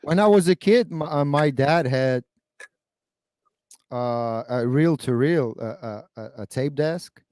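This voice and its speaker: A man in his thirties from Kazakhstan, then part of the USSR, chats casually on a stream in his non-native English, his first language being Russian. He's hesitant, with many fillers and restarts. His voice is mid-range, slow and darkish, in a dry recording.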